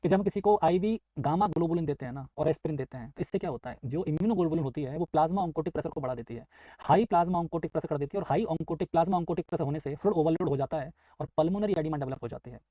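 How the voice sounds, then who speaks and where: A man teaches a live online nursing exam class in Hindi mixed with English, explaining step by step and acting out students' questions along with his own answers. His voice is a little high, racing, and dark-toned. The recording is rough, with no room sound.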